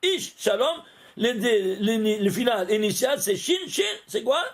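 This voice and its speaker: A man teaching a Torah lesson as a rabbi, lively and questioning, talking straight to his listeners. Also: high-pitched, unhurried. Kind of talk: animated Torah lesson with gematria.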